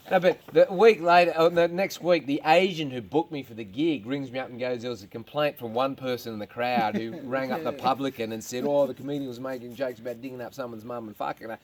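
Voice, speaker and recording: A man's voice: medium pitch, fairly even intonation, a little fast. An Australian man, a stand-up comedian, telling crude stories to a small live audience, swearing freely and laughing at his own jokes. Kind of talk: crude storytelling to a small crowd. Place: outdoors at a farm with a live audience.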